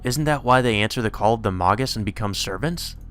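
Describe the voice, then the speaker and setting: A let's player reads a visual novel's dialogue and narration aloud over game music. His voice is fairly low and fairly bright, and his delivery is brisk.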